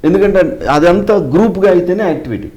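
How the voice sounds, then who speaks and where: This middle-aged man, who works as a mimicry artist, speaks in a high, mellow voice at a fairly quick pace over poor audio. During an interview he explains episodes from his career, mixing in English phrases as he goes.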